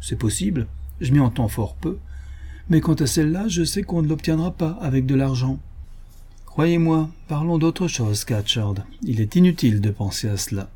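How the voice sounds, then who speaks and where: A patient country doctor, kind but unbending, voiced by a male audiobook reader in a mellow, husky, steady tone. He turns down demands in a measured, gentle way, a storybook figure of quiet firmness. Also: a little high, pitched above the performer's own voice. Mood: calm, firm. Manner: gentle, measured and firm refusals.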